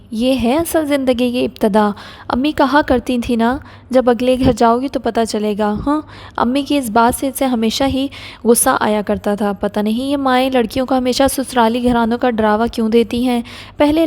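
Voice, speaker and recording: A woman narrating an audio novel in a steady, even storytelling manner. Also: on the high side, big-room sound.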